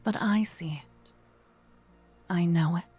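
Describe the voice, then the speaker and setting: With faint music behind her, a woman whispers and breathes close to an ear-to-ear binaural mic, playing a gentle, possessive vampire captor who claims to be a protector in an ASMR roleplay. Her fairly low voice is soft, chiding and intense, moving slowly and intimately with earnest, dramatic pauses.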